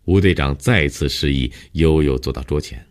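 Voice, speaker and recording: A male audiobook narrator reading a novel in a steady, measured way. His voice is extremely deep and low-set throughout.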